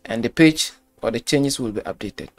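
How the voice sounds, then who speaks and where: A web design tutor, speaking in an expressive mid-range voice at normal speed, clicks through a screen-recorded website-building tutorial step by step. He repeats key phrases as he goes, with faint music behind him.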